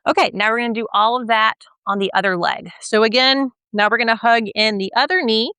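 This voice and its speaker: Bright, dry-voiced woman leading stretches. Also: on the high side, fairly quick, clean tone, no room sound. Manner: gentle, patient, checks in with "all right?". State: slightly out of breath while stretching. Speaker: stretching instructor. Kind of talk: guided exercise instruction.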